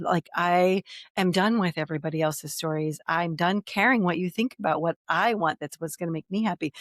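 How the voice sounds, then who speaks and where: A woman's voice: on the low side, dry recording, clean studio sound. A woman in her fifties hosting a podcast, talking in a reflective, loosely wandering way that circles back on her own thoughts. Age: 50s. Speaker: podcast host. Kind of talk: casual podcast conversation.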